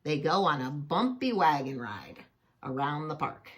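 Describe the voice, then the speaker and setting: A woman reads a picture book aloud to children, taking her time. Her husky voice ranges widely in pitch, and she's playful and expressive, frequently pausing for chatty asides and questions to her listeners.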